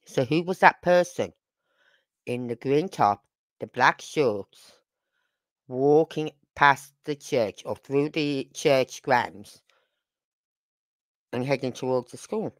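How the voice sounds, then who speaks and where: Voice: medium pitch, takes it slowly, pauses often, dry recording. Chatty true crime host, dry close sound. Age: 50s. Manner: chatty, asks rhetorical questions. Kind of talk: casual commentary.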